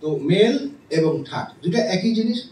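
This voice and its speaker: A man's voice: high-pitched, animated, normal speed, a little mellow. A middle-aged man, a professor, giving an explanatory classroom lecture on music theory and checking in with his listeners often. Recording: roomy and distant with faint noise.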